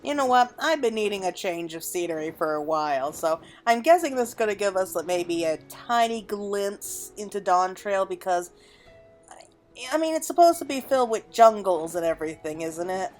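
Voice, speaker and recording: Over soft background music, a woman chats casually while playing through a game, thinking aloud and also reading the game's dialogue aloud. Her medium-pitched voice is expressive and moves at a moderate pace.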